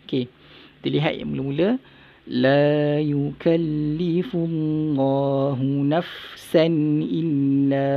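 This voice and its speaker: A man's voice: on the high side, vocal fry, dull audio. A Malaysian man teaching a televised Quran recitation lesson for schoolchildren, explaining each step patiently and repeating himself. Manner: melodic Quranic chanting.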